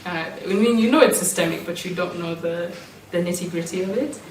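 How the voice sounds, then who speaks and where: In an echoey indoor room at an in-person group meeting, a performer with a low voice and a Kenyan accent influenced by British schooling shares a reflective personal talk. She speaks briskly in a slightly mellow tone. The mic is distant and there's faint noise.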